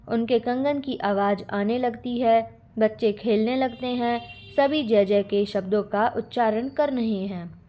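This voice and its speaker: A woman's voice: fairly high pitch, dark tone. A woman teacher steadily reading out a poem explanation and answers for a school lesson.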